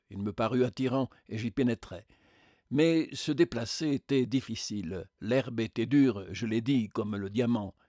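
A man reads a literary tale aloud as an audiobook, measured and even in his delivery. His voice sits at a middle pitch. The recording is dry and close. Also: no room sound. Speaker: narrator. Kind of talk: audiobook narration.

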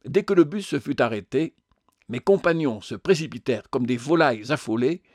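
A man's voice: mid-range voice, lively intonation, a little mellow, no room sound. Man reading a story, dry close sound. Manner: measured reading with occasional hesitations. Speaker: narrator. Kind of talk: audiobook narration.

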